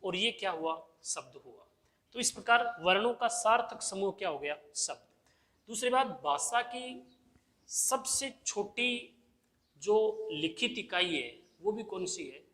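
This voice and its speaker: A man's voice: sits high, expressive, unhurried, pushed and bright. A male teacher giving an exam-prep grammar lesson, who asks the class questions and answers them himself, repeating the key terms. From India.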